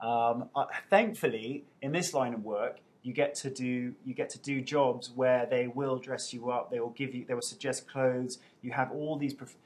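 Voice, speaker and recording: At home on a webcam mic, an actor in his thirties reads viewer questions aloud and answers them with playful self-mockery. His husky, darkish voice sits at medium pitch with fairly even intonation, flowing at normal speed with few pauses.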